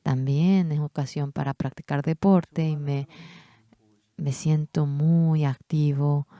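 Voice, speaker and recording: A man delivers a sermon in a mellow, warm voice, reading scripture and breaking into high, emphatic bursts to drive points home. The recording is dry and close, with little room sound. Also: no echo. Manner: preaches with sudden high-pitched emphatic bursts; reads scripture aloud. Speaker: preacher.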